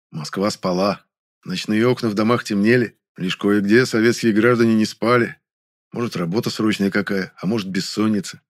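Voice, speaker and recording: A man reading a first-person audiobook in a measured, even storytelling manner. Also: on the low side. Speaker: audiobook narrator.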